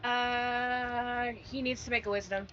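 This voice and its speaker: This slow-spoken player draws out questions about rests and spells. The voice is medium-pitched and comes over dull, lo-fi audio with faint music behind it. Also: little pitch movement, pushed and bright. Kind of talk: casual tabletop play.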